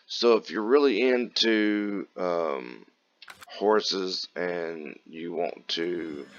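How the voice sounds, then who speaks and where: A man from Kentucky, raspy from just waking up, chatting casually through gameplay commentary in a relaxed, folksy way. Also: sits low, lo-fi sound. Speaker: gaming channel host.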